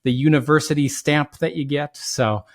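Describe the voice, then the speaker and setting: A man's voice: fairly high pitch, steady tone, moderate pace. A man with an Upper Midwest accent from the Fargo area, a podcast guest telling his story in an easygoing way with ums and uhs. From Fargo, North Dakota area. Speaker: podcast guest, software founder. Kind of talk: conversational interview.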